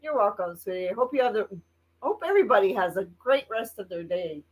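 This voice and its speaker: Woman co-host, casual live-stream chat, quick to laugh, reads out comments, mid-range voice. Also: medium pitch, lively intonation, rough recording. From Indiana, United States. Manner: chatty, laughs often, reads viewer comments aloud.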